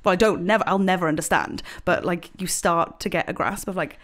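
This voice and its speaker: A Welsh woman in her twenties chats casually as a podcast guest, telling personal stories and acting out what people said. Her voice is on the low side and a bit bright, and she talks a little fast.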